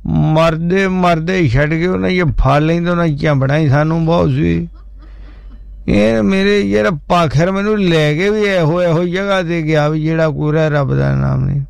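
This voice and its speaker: Older male radio host, creaky and slightly high-pitched, folksy teasing storyteller in casual chat. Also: normal speed, no echo.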